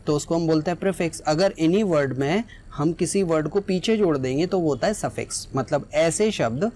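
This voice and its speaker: A man's voice: a little high, a little mellow. Patient Hindi-speaking man teaching. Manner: patient, repeats example words slowly. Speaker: English teacher. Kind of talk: explaining exam lesson.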